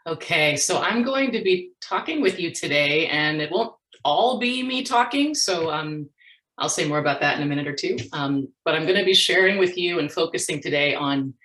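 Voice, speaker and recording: A woman in her forties, an astronomer leading a workshop, speaking in a calm, inviting way and guiding a slow, soft mindfulness practice. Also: deep voice. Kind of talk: workshop talk with guided mindfulness. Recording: roomy echoey sound.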